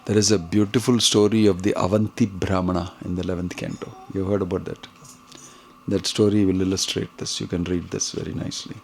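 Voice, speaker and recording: A man's voice: low-pitched, little pitch movement, fairly quick, a little mellow. A man with an Indian accent giving a devotional question-and-answer lecture as a spiritual teacher, didactic and emphatic. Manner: didactic, emphatic, mixing in Hindi phrases. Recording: clear background noise.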